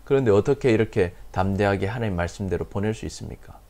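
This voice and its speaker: A man's voice: on the low side, fast, warm tone. A male pastor delivering a sermon, posing rhetorical questions and answering them himself, with repeated blessings.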